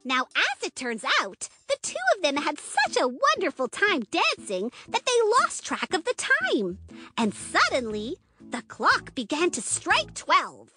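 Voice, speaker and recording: A woman narrating a scripted children's story with animated, dramatic build-up. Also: high-pitched, a little slow, over music.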